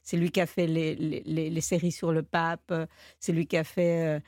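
A woman's voice: deep voice, little pitch movement, normal speed, a little mellow, no echo, studio quality. A woman from Argentina, a guest in a radio interview, who talks hesitantly and searches for her words. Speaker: guest, TV studio head.

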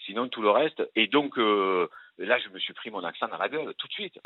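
A man with a Marseille accent, an actor telling lively stories in a radio interview, full of fillers and asides. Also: on the low side, fairly quick, dry recording. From Marseille, France. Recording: tinny phone-like radio sound.

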